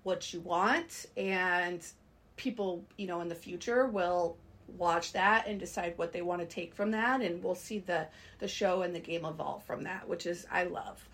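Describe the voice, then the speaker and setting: A woman's voice: lowish voice, a little slow, a bit bright. A woman in her thirties co-hosting a podcast, chatting about a reality show in an eager, aside-filled way. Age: 30s. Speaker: podcast co-host. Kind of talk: casual TV recap chat.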